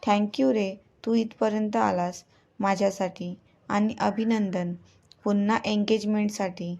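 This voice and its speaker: A woman's voice: mid-range voice, steady tone, takes it slowly, creaky, a little mellow, muffled recording. A woman voicing a young woman in a storybook reading, anxious and confiding in a friend. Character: young woman, frightened and uneasy.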